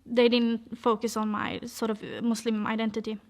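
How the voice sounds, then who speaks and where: Young woman from Norway, personal testimony, hesitant and halting, fairly high voice with an even, flat contour. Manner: hesitant, many fillers and restarts. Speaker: vlog speaker telling her story.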